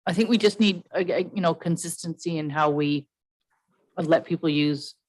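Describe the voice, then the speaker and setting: A woman chairing a council meeting as mayor, brisk and informal, with filler words. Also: low voice, darkish tone, dry recording.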